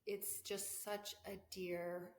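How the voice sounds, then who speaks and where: A woman's voice: mid-range voice, flat delivery, slow pace. A woman hosting her own podcast in a candid, reflective way, her voice sounding metallic like in a tin can from the room's echo. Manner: reflective, candid, with fillers and self-asides. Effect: metallic tin-can sound from room echo. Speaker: podcast host. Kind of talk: casual solo podcast talk. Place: living room with vaulted ceiling. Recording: echoey tin-can sound in vaulted living room.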